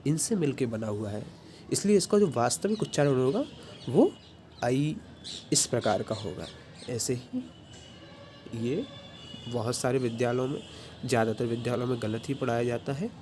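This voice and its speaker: A man's voice: mid-range voice, a little mellow, slight background noise. A man teaching a Sanskrit pronunciation class, patiently explaining and sounding out each vowel and consonant aloud.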